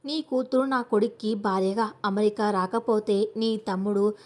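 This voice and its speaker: A woman's voice: mid-range voice, fairly even intonation, moderate pace, a little mellow, lightly acted. A woman narrator voicing an arrogant, wealthy, scheming middle-aged aunt who talks down to others and threatens them. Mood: haughty threats. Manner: haughty, threatening.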